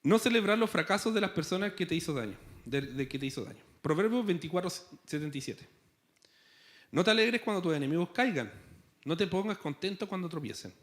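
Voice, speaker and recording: In a church, a Chilean pastor preaches a sermon with a Chilean Spanish accent, his high-pitched voice animated and a little fast. He keeps it conversational and playful, tossing in rhetorical questions.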